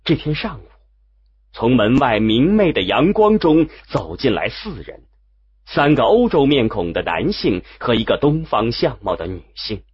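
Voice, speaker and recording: A male audiobook narrator with a very breathy, husky voice reads a novel. His delivery is slow and expressive, and his pitch moves a lot. The recording sounds dull and lo-fi.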